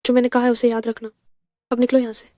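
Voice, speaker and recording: An actress dubbing a clever young woman who speaks calmly and firmly. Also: a little high, no room sound, lightly acted. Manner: calm and firm, quick delivery. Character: cool, clever young woman outsmarting a rival. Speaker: heroine. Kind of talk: Hindi dub of a drama.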